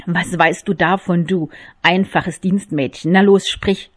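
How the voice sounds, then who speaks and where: An icy army lieutenant interrogates with slow, deliberate scorn, voiced by a woman reading a novel aloud. He stays cold and in control, never raising his voice. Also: lowish voice, fairly even intonation. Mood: scornful.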